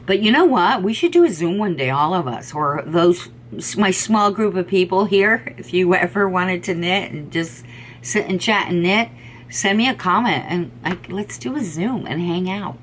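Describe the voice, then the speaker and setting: A middle-aged woman who hosts a knitting podcast chats casually to camera about her knitting, sounding enthusiastic and rambling, with lots of ums and repeated words. Her voice is slightly low for a woman, her intonation lively, and her speed normal. A faint room hum runs in the background.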